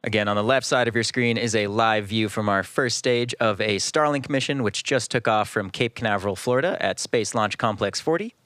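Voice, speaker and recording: A man's voice: fairly low pitch, fairly quick, hardly any pauses, fairly bright tone, dry recording, clean studio sound. A man hosting a live launch webcast with composed, informative, explanatory commentary.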